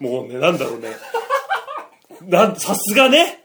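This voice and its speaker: A man co-hosting a podcast, telling a comic folk-style story and acting out rough townsfolk voices with laughter. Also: fairly high pitch, big pitch swings, moderate pace, very noisy. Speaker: podcast co-host.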